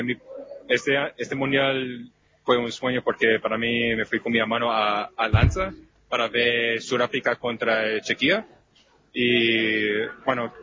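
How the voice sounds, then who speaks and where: A man from the United States, a football fan, answering in a casual street interview, hesitant with many "eh" fillers and small grammar slips. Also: mid-range voice. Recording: dull lo-fi radio with loud background noise.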